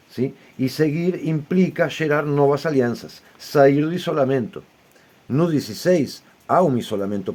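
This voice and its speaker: A man giving an explanatory lecture as an I Ching teacher, speaking in a measured way and often closing his points with quick tag questions. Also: lowish voice, a little mellow.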